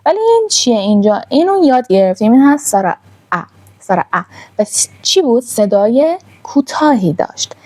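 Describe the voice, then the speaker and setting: Mellow-voiced woman teaching a language. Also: a little high, big pitch swings. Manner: patient, drawn-out demonstration of sounds. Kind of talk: online language lesson.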